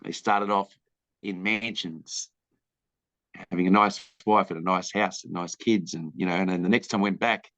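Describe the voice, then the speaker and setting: A man's voice: sits low, fairly even intonation, moderate pace, a bit bright, dry recording. An Australian man, a film director, answering interview questions in a candid, rambling way and acting out the people in his stories. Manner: candid, rambling storyteller who acts out quoted people. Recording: dull lo-fi dry recording.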